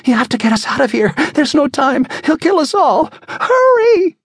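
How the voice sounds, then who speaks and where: A male audiobook narrator voicing a terrified, injured woman who pleads and screams for help in a frantic, high voice. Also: big pitch swings, moderate pace, no echo, clean studio sound, heavily acted. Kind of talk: audiobook character voice.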